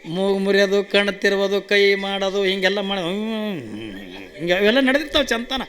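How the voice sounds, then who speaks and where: A man with a North Karnataka accent, telling comic folk stories in a playful, animated way and acting out each character. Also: high-pitched, fairly quick. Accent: North Karnataka Kannada. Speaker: comic storyteller. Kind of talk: folk comedy storytelling.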